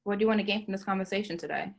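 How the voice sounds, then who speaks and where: A woman hosting a video-call panel, briskly prompting guests. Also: medium pitch, fairly even intonation. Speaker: host.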